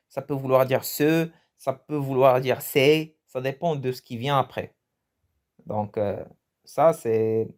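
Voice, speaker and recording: A man's voice: medium pitch, a little mellow. A man from Morocco giving a casual, chatty language lesson, often restarting his phrases and laughing at his own jokes. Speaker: language teacher.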